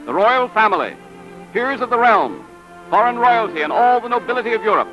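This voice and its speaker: A man delivers old newsreel narration in a grand, declamatory manner. His voice sits high for a man. Loud music plays under the whole soundtrack. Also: sing-song, fairly quick, muffled recording.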